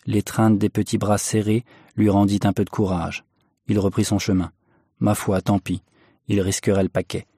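A man reading a classic novel aloud in a measured, expressive way. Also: lowish voice, slightly rough, dry recording, studio quality. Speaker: narrator.

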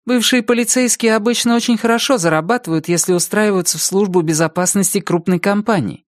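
A man's voice: high-pitched, fairly quick, no echo, studio quality, voice pushed up, natural voice. A man reading an audiobook, voicing a wary, defensive middle-aged woman in a raised voice. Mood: guarded, doubtful. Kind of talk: audiobook character voice.

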